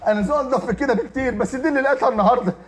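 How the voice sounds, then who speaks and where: An actor playing a sly brother-in-law caught out over drugs, pleading and blustering in Egyptian Arabic. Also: male voice, very high-pitched, rapid-fire. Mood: wheedling. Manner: pleading, wheedling, then blustering. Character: sly male brother-in-law, drug dealer. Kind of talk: film drama acting.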